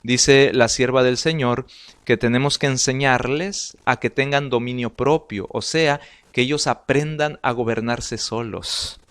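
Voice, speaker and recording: A man's voice: medium pitch, fairly even intonation, measured pace, fairly bright tone, clean tone. A man with a Salvadoran Spanish accent giving an earnest family life sermon, reading slides aloud and repeating words as he goes. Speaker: pastor.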